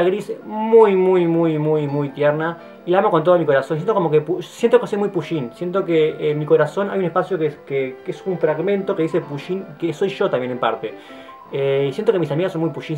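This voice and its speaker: Un hombre de veintitantos años con acento rioplatense, en un monólogo casual de vlog; habla muy rápido, efusivo y juguetón, se corrige y repite palabras, y a veces baja a comentarios suaves. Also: male voice, lo-fi sound. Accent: Rioplatense Spanish. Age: 20s. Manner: very fast, tumbling talk with restarts and repeated words; effusive and playful, often trailing into low, soft asides. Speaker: vlogger. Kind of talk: casual monologue to camera. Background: faint guitar music.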